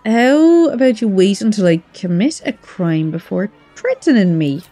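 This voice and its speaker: A woman's voice: medium pitch, sing-song, a little slow, mellow, no echo, faint music behind. A woman giving casual, chatty let's play commentary, reacting aloud as she plays.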